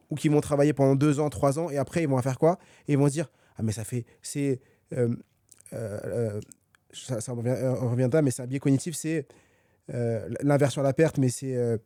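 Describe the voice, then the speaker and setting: A man's voice: medium pitch, dark tone, no echo, clean studio sound. A man being interviewed as a guest author, talking energetically with many fillers and restarts. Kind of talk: conversational podcast dialogue.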